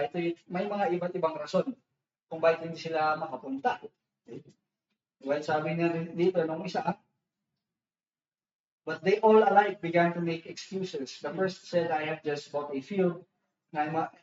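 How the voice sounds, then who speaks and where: A man's voice: a little high, distant mic, a little hiss or hum. A man preaching a sermon in a loose conversational way, with frequent restarts and tag questions, switching between Tagalog and English. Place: church hall. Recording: echoey church hall, dull lo-fi sound, speaker off-mic.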